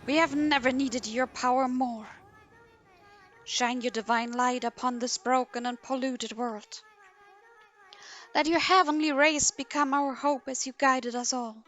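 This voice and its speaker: Wood Sprite Sakuya, a woman doing an urgent, high tree spirit. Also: steady tone, unhurried, fairly bright tone. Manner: earnest, pleading, raised voice. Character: gentle but worried female wood sprite, old guardian.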